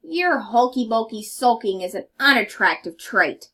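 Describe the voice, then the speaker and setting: A woman's voice: fairly high pitch, animated, measured pace, bright, forceful tone, heavily acted. A woman voicing a blunt, straight-talking male octopus in a storybook, speaking frankly in rhyme. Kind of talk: storybook read-aloud character voice.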